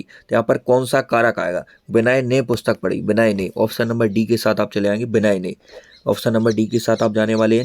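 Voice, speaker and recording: A man's voice: mid-range voice, a little mellow, no room sound. Man, exam tutor, repeats answers, addresses viewers as friends, dry close recording. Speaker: exam coaching teacher. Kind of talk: online exam lesson.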